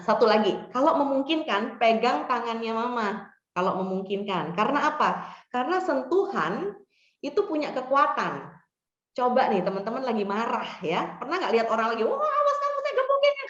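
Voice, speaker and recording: Woman counselor, echoey dull recording. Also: fairly high pitch. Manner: conversational, acts out example dialogues. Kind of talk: workshop talk giving advice.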